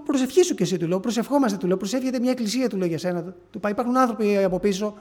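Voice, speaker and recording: A man preaching, retelling a story in an earnest, halting way with frequent restarts. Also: extremely high pitch, darkish tone. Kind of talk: sermon testimony.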